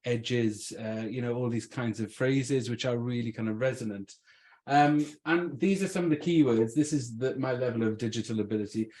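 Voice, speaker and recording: A man's voice: medium pitch, normal speed, a little mellow. A man from Swansea with a Welsh Swansea accent gives an informal public talk as an invited arts speaker, conversational and thinking aloud. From Swansea, South Wales.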